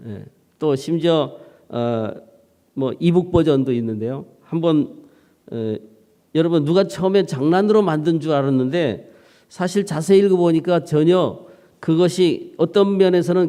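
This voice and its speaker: A man's voice: a little high, dark tone. A man preaching an early-morning sermon as pastor, conversational and hesitant, in a church sanctuary. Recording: reverberant church hall.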